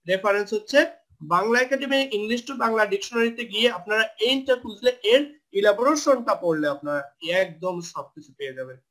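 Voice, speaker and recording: A man's voice: high-pitched, pushed and bright. A man teaching a live online English grammar class, explaining step by step, spelling out words and mixing English terms into his Bangla.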